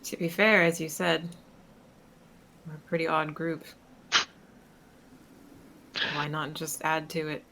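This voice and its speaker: A woman calmly playing her character in a tabletop role-playing game, with a dry manner. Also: sits low, normal speed, gravelly, background noise. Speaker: player.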